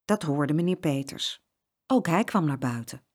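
A woman narrating a children's story in a lilting, expressive way. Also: low-pitched, measured pace.

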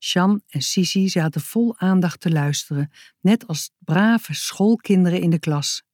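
A woman narrating a children's audiobook in a calm, measured storytelling manner, close to the mic. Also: on the low side, dry recording.

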